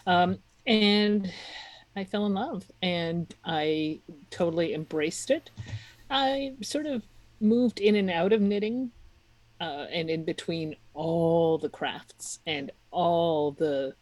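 A woman from the chats as a podcast guest. Her voice sits a little low, and she talks in a self-mocking way with frequent laughs. The sound is dry, with no room echo. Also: slow, darkish tone. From Czech Republic. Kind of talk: casual interview talk.

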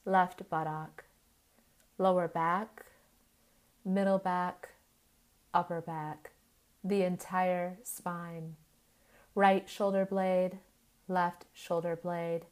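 Very slow, low-voiced woman guiding sleep relaxation. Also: flat delivery. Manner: soothing, measured, short phrases with long pauses. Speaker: yoga nidra guide. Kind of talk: slow guided relaxation meditation, like a sleep story narrator.

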